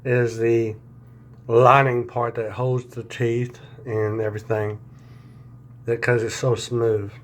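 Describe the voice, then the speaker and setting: A man talking casually in an unscripted video diary, halting and searching for words, his speech affected by new dentures and a swollen mouth. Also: mid-range voice, little pitch movement, a little hiss or hum. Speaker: vlogger sharing dental recovery diary.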